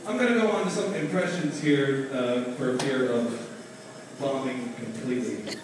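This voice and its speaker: A man's voice: a little high, background noise. A young man doing a stand-up comedy set, hesitant, with lots of ums and uhs. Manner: hesitant, lots of ums, acts out drunk friends in loud voices. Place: small bar stage. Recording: echoey bar, far from the camera mic.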